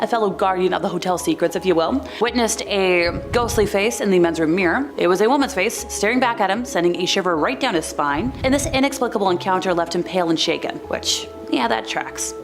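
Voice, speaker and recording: A woman reading scripted countdown narration, slipping in wry, casual, jokey asides. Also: medium pitch. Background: background music.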